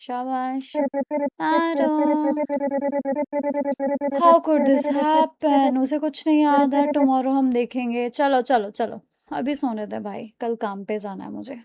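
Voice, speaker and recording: A woman's voice: sits high, steady tone, slow pace, gravelly, darkish tone, soft background music. A woman streamer giving reactive, dramatic let's-play commentary, talking to the game character. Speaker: gaming streamer.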